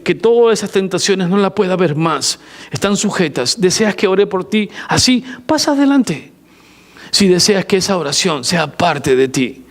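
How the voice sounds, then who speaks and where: Pastor de voz aguda predicando. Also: male voice, sits high. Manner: animated preaching, rhetorical questions, swings between loud and hushed. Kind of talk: sermon. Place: church.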